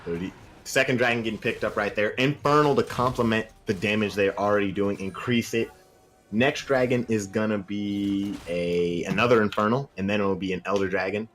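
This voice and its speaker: A young man casting a video game match live, joking casually and getting faster and louder during fights. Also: on the low side. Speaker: esports caster.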